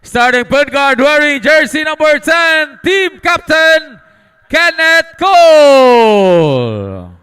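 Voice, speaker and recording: A man announces in a sports arena with a very high, ringing voice. He works like a fighting game announcer, swooping through drawn-out, shouted calls with showman flair. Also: big pitch swings. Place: large indoor basketball arena over PA.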